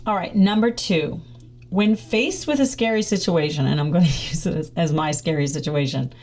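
A woman's voice: on the low side, moderate pace, a little mellow. A middle-aged woman talking casually in a monologue, upbeat and chatty, often laughing as she speaks.

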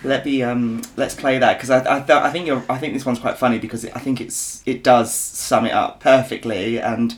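A man's voice: mid-range voice, steady tone, moderate pace, few pauses. A British man co-hosting a casual podcast. He is blunt and likes to tease, speaking in a mid-range male voice. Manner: blunt, teasing. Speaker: podcast co-host. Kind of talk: casual chat.

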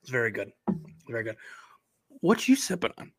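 A young man co-hosting a casual sports podcast, easygoing and opinionated, talking in quick bursts. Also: medium pitch, sing-song, breathy edge. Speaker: podcast co-host.

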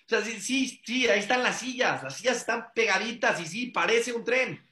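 High-voiced man teaching in echoey room. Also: animated, normal speed, pushed and bright. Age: adult father. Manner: earnest, repeats phrases for emphasis, many rhetorical questions. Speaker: rabbi teaching a class. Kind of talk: conversational religious teaching.

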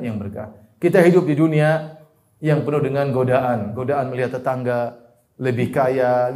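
During this Islamic sermon, the male preacher alternates between forceful, rising points and quiet, low-voiced asides. He occasionally laughs softly at the examples he gives.

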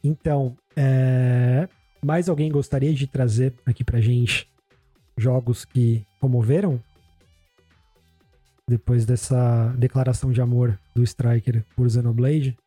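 A man's voice: medium pitch, little pitch movement, slow, mellow, breathy edge, dry recording, soft background music. A man with a Brazilian Portuguese accent hosting a podcast in a casual, chatty style. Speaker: podcast host.

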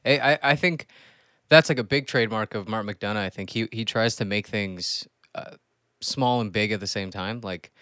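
Low, dry-sounding male podcast host. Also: normal speed, a bit bright, clear, resonant tone, no echo. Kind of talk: casual film discussion.

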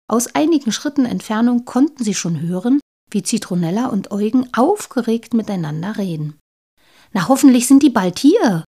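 Woman reading a children's story aloud. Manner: lively, shifts pitch for children's lines.

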